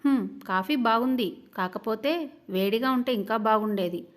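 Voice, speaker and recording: A woman's voice: a little high, normal speed, close to an everyday voice. A woman voicing a teasing young husband who talks in a cool, sarcastic way.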